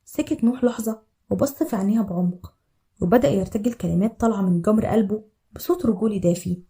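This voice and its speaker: A woman with an Egyptian accent narrating a scripted story in an even, rapid storytelling manner. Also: medium pitch, gravelly. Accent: Egyptian Arabic.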